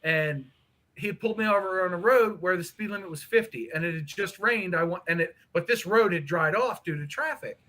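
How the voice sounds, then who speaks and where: Man, high voice, bright tone, casual storytelling, animated, swears freely, live-stream chat. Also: brisk, rough recording. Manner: animated, profane, mimics others in quotes. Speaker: co-host.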